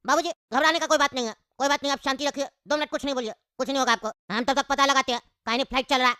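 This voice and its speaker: A woman's voice: sits high, steady tone, rapid-fire, pushed and bright, no echo, studio quality. A woman voicing a son who fusses over his sick father on the phone and scolds a rude passenger. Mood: soothing. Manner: fussing, advising, scolding. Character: fussy caring son on the phone. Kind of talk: comic cartoon voice acting.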